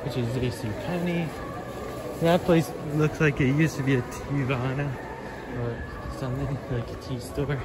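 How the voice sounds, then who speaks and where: A man's voice: mid-range voice, fairly even intonation, normal speed. A nineteen-year-old man giving a casual, rambling walking tour of a shopping mall, talking into a phone as he walks. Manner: rambling, easygoing, many fillers. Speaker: vlogger touring a mall. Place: large indoor shopping mall. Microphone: phone camera held while walking. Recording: loud background noise.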